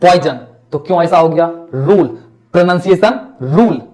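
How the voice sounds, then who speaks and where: Speaking at a moderate pace in a voice on the high side with a darkish tone, a young man lectures a class on English vocabulary. He has a Bihari Hindi accent, poses questions he then answers himself, and repeats words.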